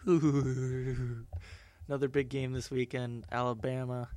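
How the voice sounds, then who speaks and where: A man with a smooth, resonant voice co-hosts a casual sports podcast. He talks through the games with wry little jokes along the way. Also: mid-range voice, steady tone, normal speed, fairly bright tone, dry recording. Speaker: podcast co-host.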